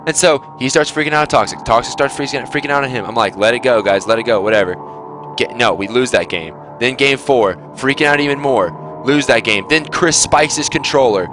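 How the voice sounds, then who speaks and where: Blunt swearing young team captain. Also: male voice, mid-range voice, brisk, few pauses, over music. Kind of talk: team pep talk.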